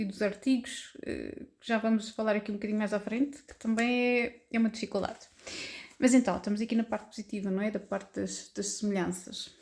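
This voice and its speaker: A woman in her forties with a European Portuguese accent, chatting casually to camera and laughing now and then. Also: a little high. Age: 40s. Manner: chatty, laughs often, restarts. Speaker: vlogger.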